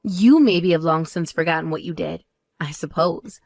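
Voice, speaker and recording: A woman voicing a calm older sister who speaks in a measured, patronizing way in a voiced story. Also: lowish voice, gravelly, no room sound, studio quality, pitched below the performer's own voice. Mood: firm. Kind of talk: voiced text story dialogue.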